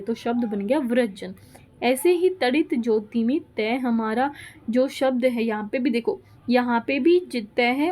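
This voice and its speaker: A woman gives a Hindi grammar lesson as a classroom lecture, explaining rules step by step and repeating each example aloud. Her voice is a little high with a dark tone.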